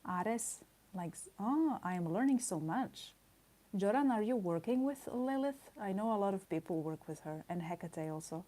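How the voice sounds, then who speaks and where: Her mid-range voice is dark in tone and animated, moving at a normal speed while she draws live for an audience. She rambles casually in playful asides, laughing often and pretending to be offended by her chat.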